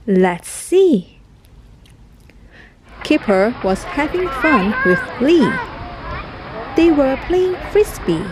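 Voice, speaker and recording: A woman reading a picture book aloud for young children, expressive and asking her listeners questions. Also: a little high, no room sound. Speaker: children's story reader. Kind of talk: slow storybook read-aloud for kids.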